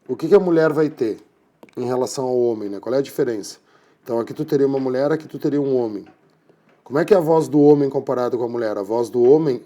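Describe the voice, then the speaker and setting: A man's voice: mid-range voice, mellow. A man giving a classroom physics lecture, explaining patiently and checking in with his students after nearly every point. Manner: explanatory, repeats tags like "tá?" and "né?". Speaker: physics teacher.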